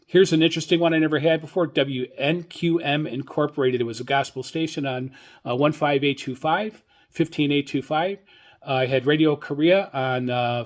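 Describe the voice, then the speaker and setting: He casually fronts a one-person radio show on his hobby, talking eagerly in a broken, rambling way with frequent repeats. His pitch is a little high.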